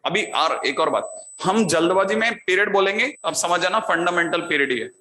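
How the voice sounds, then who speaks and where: A male math teacher lectures in a bright, somewhat high voice and stretches out key terms as he writes them. He keeps checking that his students follow along. The sound is roomy and echoey, with a faint hiss underneath. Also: animated. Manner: explains step by step, keeps asking "हाँ या ना?" to check students follow; drawls key terms slowly while writing them. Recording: echoey room with faint background noise.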